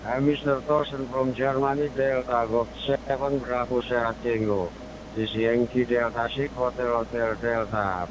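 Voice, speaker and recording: Ham operator, male, heard over a muffled radio link broken by static bursts; polite and formal, reads call signs out letter by letter. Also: mid-range voice. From Indonesia. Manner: formal, spells out call signs, repeated thanks. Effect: heard over a digital ham radio link with static bursts. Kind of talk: ham radio contact exchange. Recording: dull lo-fi radio audio with loud static noise.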